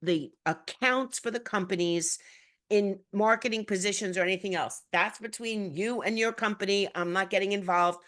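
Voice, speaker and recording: A woman's voice: medium pitch, normal speed, a bit bright. A woman hosting a podcast in casual chat, rambling and chatty with frequent restarts. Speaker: podcast host.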